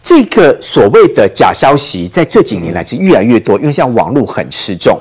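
A man with a Taiwanese Mandarin accent moderates a political talk show. His voice is mid-pitched and animated in its melody. He sums up the news, then turns to his guests with questions. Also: fairly quick, husky. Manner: reads a summary, then poses questions to guests.

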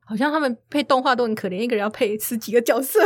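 A woman's voice: on the high side, rapid-fire, dry recording, studio quality. A woman from Taiwan with a Taiwanese Mandarin accent, chatting casually and emphatically as a podcast guest. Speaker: podcast guest, audiobook producer. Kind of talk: casual chat.

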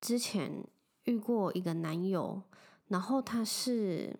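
A woman's voice: medium pitch, slow. A young woman from Taiwan hosting a casual chat show, telling personal stories in a chatty way, full of filler phrases. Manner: chatty, heavy use of filler phrases, animated when retelling. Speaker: podcast host.

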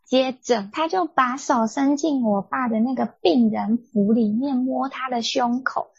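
Gravelly, husky young woman, indignant storyteller. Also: sits high, unhurried, dry recording. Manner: animated, indignant retelling. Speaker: podcast co-host. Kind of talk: casual storytelling chat. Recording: dull lo-fi dry sound.

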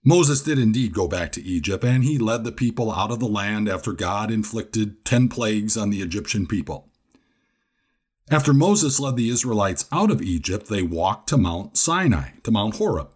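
A man with a slightly husky voice delivers a scripted Bible lesson. His pitch rises and falls in a lively way as he explains each point earnestly, often repeating the key ideas. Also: normal speed. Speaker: Bible teacher.

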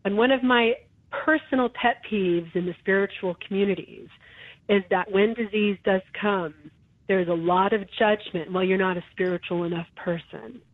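A talk show host speaks from her home in a conversational interview, earnest and reflective, often restarting her sentences. Her medium-pitched voice moves at a normal speed with no echo, though the line sounds tinny, like a phone.

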